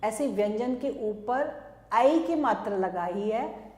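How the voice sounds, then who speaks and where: A woman teaching Hindi letters and vowel signs to young children in a recorded lesson. She is slow and patient, stretches out each sound and calls the example words out louder than the rest. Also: on the high side, expressive. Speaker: primary school Hindi teacher. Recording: echoey room with long reverb.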